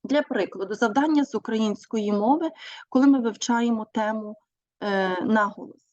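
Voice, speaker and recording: A woman teacher giving a measured presentation on her teaching methods, pausing often with hesitations. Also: a little high, a little mellow, no echo. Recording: dull, dry recording.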